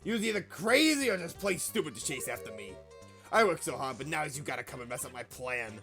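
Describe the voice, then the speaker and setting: A streamer voicing a loud, gruff male loan-shark mobster who talks in tough street grammar while reading game dialogue. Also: medium pitch, sing-song, a little fast, soft background music. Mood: boastful.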